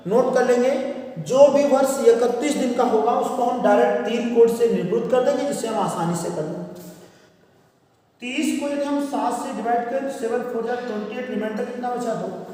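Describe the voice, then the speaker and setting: Man, high voice, classroom lesson, asks then answers himself, far off in a roomy hall. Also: a little mellow. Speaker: reasoning teacher. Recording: echoey room, voice far from the mic.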